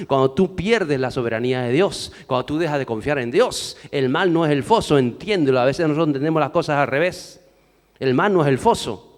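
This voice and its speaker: A man's voice: medium pitch, in a large hall. A man preaching a sermon, emphatic and full of rhetorical questions to the congregation.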